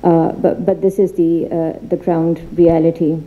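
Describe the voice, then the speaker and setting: A woman giving an earnest seminar talk in an institute library, halting often with fillers and restarts. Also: deep voice, little pitch movement, narrow, tinny audio, slight background noise. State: becoming emotional. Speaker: seminar speaker. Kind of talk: formal seminar talk with slides.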